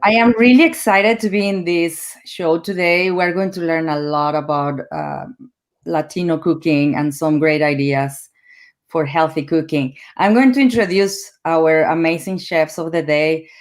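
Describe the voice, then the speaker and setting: A woman's voice: low voice, lively intonation, a little slow. A woman from Mexico with a Mexican Spanish accent, a Spanish native speaker, hosting and introducing guests in an upbeat way. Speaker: host. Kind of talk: hosting an online event.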